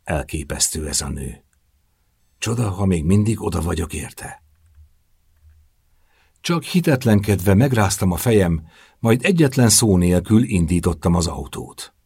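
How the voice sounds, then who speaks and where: A man narrating a novel in the first person, as an audiobook, with a measured, intimate storytelling manner. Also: low-pitched, lively intonation, gravelly, darkish tone, husky, no room sound, studio quality.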